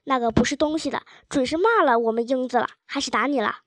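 A woman's voice: high voice, quick pace, no room sound, clean studio sound, lightly acted. A woman voicing a blunt, outspoken nanny in a story reading. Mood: scolding.

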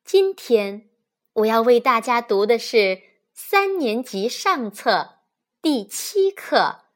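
A woman hosting a children's reading show, telling fables to the listeners in a gentle storytelling voice. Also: on the high side, sing-song, takes it slowly. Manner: gentle, addresses listeners as darlings. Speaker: children's textbook reader, host.

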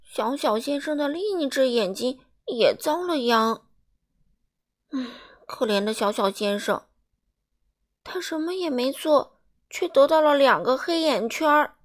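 A woman reading a children's picture book aloud in a lively, expressive, dramatic way. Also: high-pitched, unhurried. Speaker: storyteller for children.

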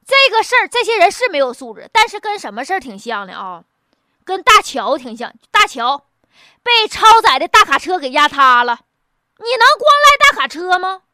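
A woman's voice: very high voice, sing-song, moderate pace, pushed and bright, no room sound, clean studio sound. A woman with a Northeastern Chinese accent giving casual, humorous news commentary in a blunt, mocking, colloquial way full of rhetorical questions. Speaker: host.

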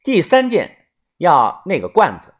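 A man playing a cold, scheming woman who states her terms calmly and sneers through her words. The delivery is husky, with lively rises and falls in pitch. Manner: calm, measured, sneering.

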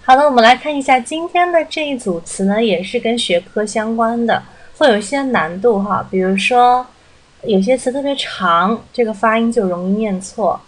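A woman teaching vocabulary in a friendly, chatty way, slowly repeating words to show how they are said. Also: fairly high pitch, low-quality recording. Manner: slowly repeats English words to stress the pronunciation. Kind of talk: vocabulary lesson podcast.

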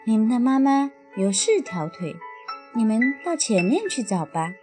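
A woman voicing a kindly mother fish and mother turtle who answer briskly in a bedtime story. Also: a little high, sing-song, music in the background.

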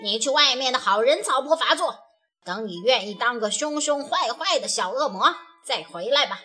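A woman voicing a strict male scary-bird teacher in a storybook, with a pinched, hissing voice and fast scolding delivery. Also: a little high, expressive, pushed and bright, slightly rough, faint music behind, exaggerated voice. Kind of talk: storybook reading.

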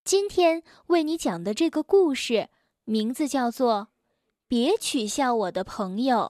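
A woman telling a story to children in a gentle, clear way, calling herself a big sister. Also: high-pitched, lively intonation, unhurried, no echo, studio quality.

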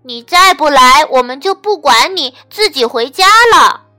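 A woman's voice: high-pitched, animated, measured pace, bright, forceful tone, soft background music, full character voice. A woman voicing a cheerful, playful female elephant in a storybook reading, teasing and a little bossy. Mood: calling.

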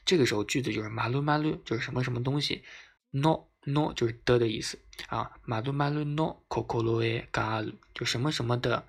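A man hosting a language lesson podcast, explaining words patiently and repeating them slowly for learners. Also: mid-range voice, vocal fry, slightly rough. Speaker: Japanese language teacher, podcast host. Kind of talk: casual spoken lesson.

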